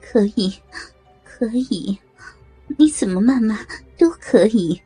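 A woman's voice: fairly high pitch, animated, takes it slowly, mellow, breathy edge, no echo, soft background music, exaggerated voice, low-quality recording. A woman voicing a meek middle-aged mother-in-law in an audio story, who begs and stammers in a tearful, submissive way. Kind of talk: erotic audio story acting.

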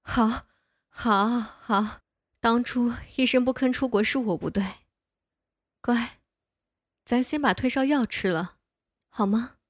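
A woman's voice: a little high, slow, pauses often, no room sound, studio quality. A young woman voicing a bossy but caring older neighbor woman who scolds and coaxes the listener in a one-sided audio role-play. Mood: teasing. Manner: playful scolding, coaxing.

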